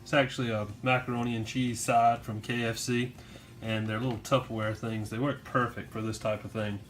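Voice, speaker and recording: A man's voice: mid-range voice, little pitch movement, a little fast, a bit bright. A man casually narrating a home how-to video, explaining things in an informal, easygoing, unscripted way to viewers. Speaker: home aquarium hobbyist filming a fish-care vlog. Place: at home beside a fish tank and kitchen sink.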